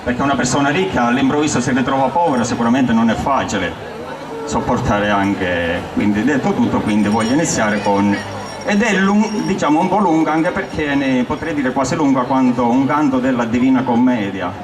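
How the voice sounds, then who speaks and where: A man with a thick Sicilian accent recites dialect verse aloud like a storyteller, declaiming line after line. His mid-pitched voice reaches a distant microphone in a roomy, echoing space. There is clear noise behind him. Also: brisk.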